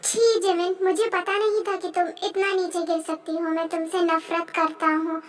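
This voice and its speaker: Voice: very high voice, moderate pace, fairly bright tone. A woman voicing a possessive young husband in a read-aloud fan story, who swings between pleading and cold contempt. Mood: hushed scorn.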